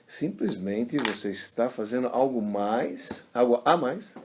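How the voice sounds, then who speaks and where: A man, a rabbi giving a casual religious lesson and telling stories in an animated, colloquial way. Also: medium pitch, a little slow, slight background noise. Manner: animated, colloquial storyteller, acting out quotes. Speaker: rabbi teaching a class.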